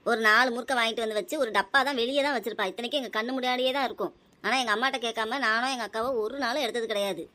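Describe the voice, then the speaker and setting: Woman, bright, scolding, motherly, scripted family skit. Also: a little high.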